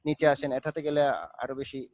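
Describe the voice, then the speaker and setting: A man's voice: a little high, level tone, fast, a little mellow, no room sound, low-quality recording. A man tutoring students in a live online class, patiently walking them through steps and mixing in English terms. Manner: patient, repeats instructions, mixes English terms into speech.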